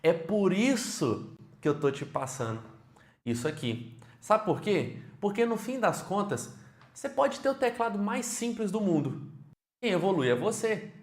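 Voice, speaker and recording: A man with a Brazilian Portuguese accent teaching keyboard online, lively and speaking straight to the viewer with frequent questions. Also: high voice, measured pace, echoey room.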